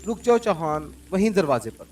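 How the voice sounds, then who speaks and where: A man's voice: high voice, normal speed, recorded from a distance, slight background noise. A man playing a cold, witty male secret agent. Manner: calm and cold, mocking laughter. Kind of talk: audiobook character reading.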